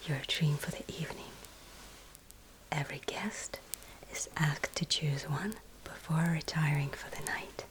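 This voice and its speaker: In this ASMR roleplay, a gracious medieval fantasy innkeeper is voiced by a woman using a breathy, soft whisper and courteous, archaic phrasing. Her low voice stays steady and measured, carrying a gentle, mysterious mood over a low-quality recording.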